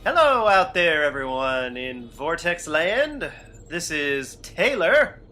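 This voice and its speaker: A man's voice: a little high, very animated, slow, bright, forceful tone, soft background music. A man co-hosting a casual fan podcast, upbeat and laughing often. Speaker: podcast co-host.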